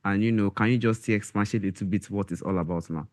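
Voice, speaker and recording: A man's voice: fairly low pitch, fast. A man hosting a podcast interview, asking long questions politely and calling his guest ma. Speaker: podcast host.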